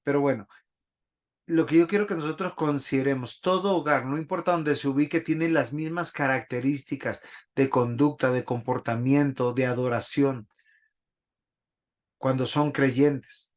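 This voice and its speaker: In a church Bible class, a man of medium pitch teaches and preaches at a moderate pace. He takes a didactic approach, asking the congregation questions as he goes.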